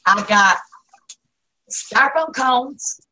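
Chatty woman with a lively voice. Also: high voice, takes it slowly, rough recording. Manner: chatty, laughing, reading viewer comments aloud. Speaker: craft vlogger. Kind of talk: casual live chat.

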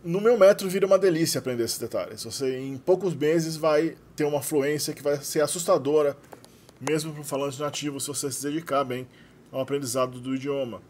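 A man's voice: a little high, steady tone, brisk, a little mellow, a little hiss or hum. A man talks through the vocabulary of his language course, explaining as he goes and often tagging his sentences with "né". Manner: explanatory, frequent "né" tags. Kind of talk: screen-share lesson narration.

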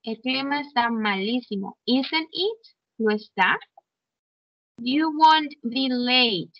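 A woman teaches an English grammar class online, explaining in Spanish with English examples and checking in often. Her high voice has lively intonation and a slow pace, with no echo, though the online audio is dull and muffled.

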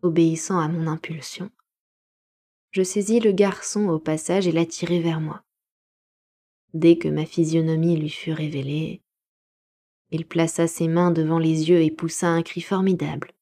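A woman narrating a classic novel as a home-made live audiobook, measured and expressive. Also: low-pitched. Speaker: audiobook reader.

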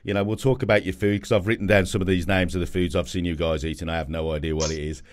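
An older man hosting a casual interview, asking long, rambling questions and telling animated stories, into a studio mic in an indoor home gym. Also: low-pitched, fast talker. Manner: chatty, animated storytelling questions. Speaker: podcast host, gym owner. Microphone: studio condenser mic with headphones.

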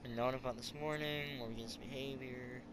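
A man's voice: medium pitch, fairly even intonation, a little fast. A man giving casual commentary while playing a video game, jumpy and swearing at it. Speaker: gameplay streamer. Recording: loud game noise behind.

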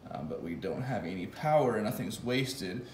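A man with a lowish, animated voice talks at normal speed through his motorcycle wiring in a casual workshop walkthrough, thinking aloud with fillers and restarts. He's a vlogger building an electric motorcycle in his home garage, filmed close on a phone camera, and the audio is reverberant with a little hiss or hum.

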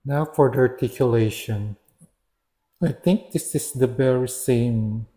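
Male collector reviewing figures; casual, halting, self-correcting, slow and warm-toned. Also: mid-range voice. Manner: hesitant, restarts and corrects himself. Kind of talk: casual product review narration.

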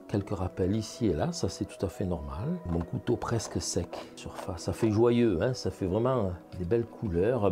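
A man, a painting instructor talking casually as he demonstrates, thinking aloud and checking in with viewers. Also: on the low side. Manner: chatty, thinks aloud, addresses viewers with "hein" and "vous voyez".

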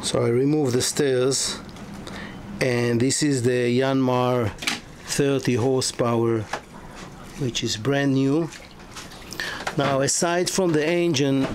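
Slow-talking man touring a sailboat. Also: mid-range voice. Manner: halting, many fillers and restarts. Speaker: yacht broker. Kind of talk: walkthrough tour. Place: inside a sailboat cabin. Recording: noisy ambience.

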